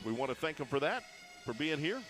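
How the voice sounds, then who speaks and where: Brief: male play-by-play announcer, slightly high voice, folksy and chatty, lots of "uh" fillers. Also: big pitch swings, a little fast, fairly bright tone, soft background music, rough recording. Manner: folksy, conversational, frequent "uh" fillers. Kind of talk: live basketball commentary.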